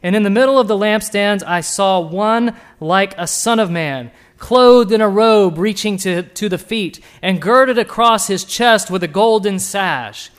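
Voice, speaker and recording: A man preaching a sermon, asking the listeners direct questions and swinging between hushed and emphatic delivery. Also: sits high, a little slow, few pauses, smooth.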